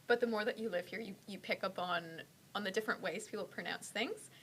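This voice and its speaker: Young Canadian-raised woman, student guest, friendly and measured, mid pitch. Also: fairly bright tone, slightly rough. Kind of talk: casual roundtable chat.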